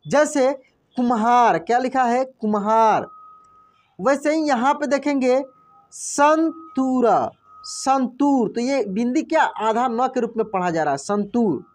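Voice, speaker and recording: A man teaching a reading lesson, who spells words out slowly, says each one twice and keeps asking the listener what is written. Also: very high voice. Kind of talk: classroom-style reading lesson.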